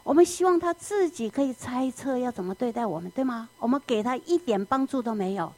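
A woman preaching in an animated storytelling manner, often asking the listeners questions. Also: a little high, fairly quick. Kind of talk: sermon.

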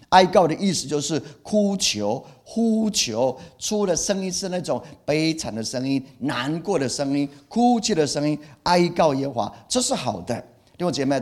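A middle-aged man preaching a sermon, animated, repeating key phrases and acting out feelings with exclamations. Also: on the high side. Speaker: pastor.

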